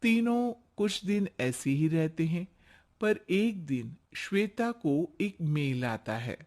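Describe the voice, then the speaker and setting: Woman narrator, calm scripted storytelling, slow. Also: low voice.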